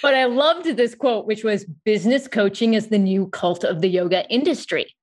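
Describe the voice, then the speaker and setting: A woman from the United States with a New York accent, hosting a podcast in quick, animated casual conversation and laughing often. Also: medium pitch. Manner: fast, animated talker who laughs often. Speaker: podcast host.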